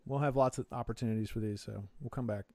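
A man's voice: medium pitch, steady tone, fast talker, a little mellow. Man heard only in the left ear. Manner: hesitant, with many fillers and restarts. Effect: audio heard in the left channel only. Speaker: co-host of a tech live stream. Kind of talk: casual chat. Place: home office.

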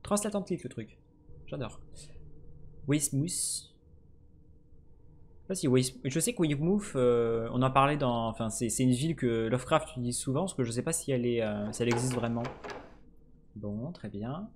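A man giving casual let's-play commentary, swearing freely and swinging between low mutters and sudden excited shouts. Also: moderate pace, long pauses, slight background noise. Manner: swears casually, jokey asides. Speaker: gaming streamer.

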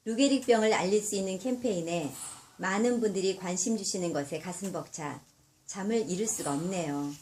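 A woman delivering a scripted personal message for a charity challenge, speaking politely and formally in short, measured phrases. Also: mid-range voice, darkish tone, slight background noise.

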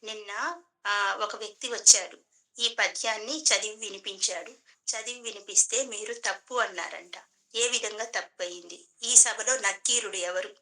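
A woman voicing a gentle, worried male god in a devotional story, asking soft, pleading questions. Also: mid-range voice, normal speed. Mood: questioning. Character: lord Shiva, male god, gentle and fearful.

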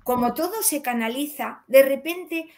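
A woman's voice: high-pitched, measured pace, a little mellow. A woman with a Spanish accent interviewing a guest, agreeable and reflective. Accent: Spanish from Spain. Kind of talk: casual interview talk.

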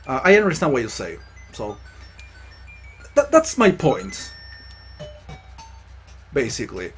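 A man's voice: mid-range voice, huge pitch swings, slow pace, soft background music. A Chilean man whose first language is Spanish, speaking English with a Chilean accent, hosting a gaming stream and talking in a reflective, rambling way with frequent restarts. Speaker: gaming channel host. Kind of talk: casual live-stream commentary while playing.

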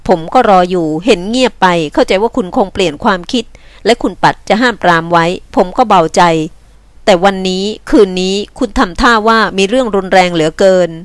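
A woman's voice: medium pitch, a little fast, no room sound, lightly acted. Woman voicing a curt young man. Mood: earnest. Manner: curt, scolding. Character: brusque young man, gruff protector. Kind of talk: novel reading with voiced dialogue.

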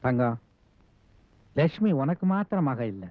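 An actor playing a gentle older father-in-law who speaks slowly and softly, consoling and pleading with his family. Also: medium pitch, animated, no room sound, natural voice. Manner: slow, soft, consoling. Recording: dull, dry old film soundtrack.

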